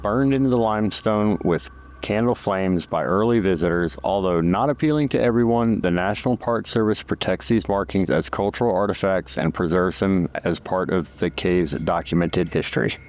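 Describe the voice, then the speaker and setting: A man's voice: low voice, normal speed, a little mellow. A man reading scripted, informative narration in a formal tour-guide manner.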